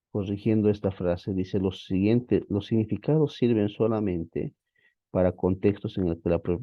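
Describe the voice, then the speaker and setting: A man's voice: deep voice, no echo, highs cut off. A man teaching a biblical Greek class online, explaining patiently and calling his students brothers.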